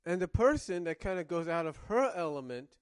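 A man's voice: sits high, sing-song, a little fast, smooth, no echo. A man reviewing cartoons in casual commentary, rambling and circling back to rephrase, coughing now and then with a cough drop in his mouth.

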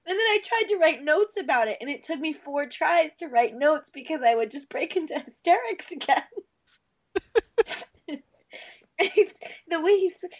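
A woman co-hosting a casual movie podcast, often breaking into helpless laughter as she talks. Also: sits high. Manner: giggly, keeps breaking into laughter. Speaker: podcast co-host.

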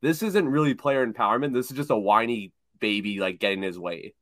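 A young man co-hosting a casual sports podcast, talking in an animated, opinionated way and repeating words when he gets worked up. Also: lowish voice, fairly quick, no room sound, clean studio sound. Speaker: podcast co-host.

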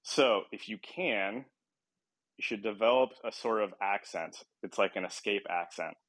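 A man's voice: fairly low pitch, measured pace, fairly bright tone, no echo. A young man hosting a podcast, chatting casually in a rambling, self-deprecating way and laughing often, sounding a little tired. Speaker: podcast host. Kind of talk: casual chat.

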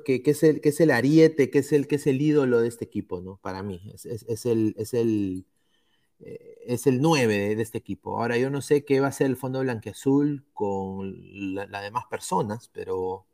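Speaking in a Peruvian Spanish accent, this football podcast host from Peru is chatty, full of fillers and restarts, and reads out sponsor plugs. His voice is medium-pitched and a little mellow.

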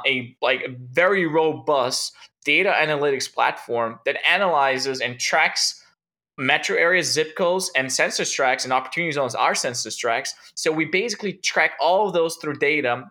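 A Brazilian tech founder, guesting in a casual interview, explains things in a rambling way full of "like" and restarts. His voice is fairly high, pushed and bright, at a moderate pace.

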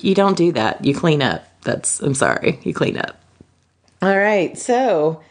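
A woman's voice: low-pitched, sing-song, unhurried, a little hiss or hum. A woman guest co-host talking casually, giggling and hesitating with likes and you-knows. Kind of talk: reading aloud and casual chat.

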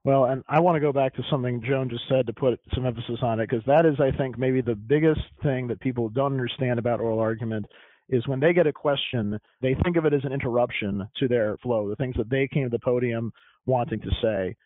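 A man who is an appellate lawyer and law teacher, explaining his points in a measured, methodical way with firm emphasis on a podcast. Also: medium pitch, dry recording. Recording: tinny phone-like audio.

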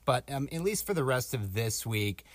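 A man chats as a podcast co-host in a dry, tight space. His talk is informal and musing, wandering from thought to thought at a middling pitch. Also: sing-song, moderate pace, dry recording. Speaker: podcast co-host giving astrology forecasts. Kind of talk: casual podcast chat. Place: small closet at home, door slightly open.

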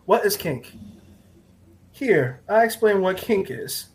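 Animated, high-voiced man hosting a podcast. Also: takes it slowly, a little hiss or hum. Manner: joking, profane, laughs often. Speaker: podcast host. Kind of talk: casual chat.

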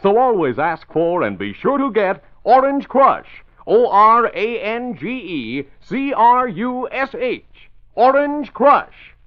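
A man announces a chipper 1950s-style radio ad with very animated, swinging intonation. His pitch to youngsters is folksy and enthusiastic. The sound is thin and narrow, like an old broadcast. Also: slow pace.

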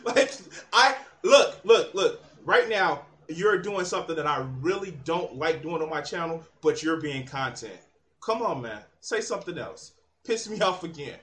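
A man's voice: a little high, animated, normal speed, fairly bright tone, a little hiss or hum. A man hosting his channel, mocking and taunting someone in a profane heated argument. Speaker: channel host.

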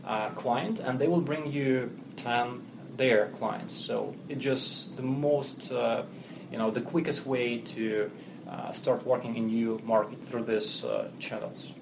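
Speaking slowly at a medium pitch amid a noisy background, this Russian-accented man from Russia runs a company and appears as a podcast guest. Expect straightforward business talk, fluent yet non-native, peppered with frequent fillers.

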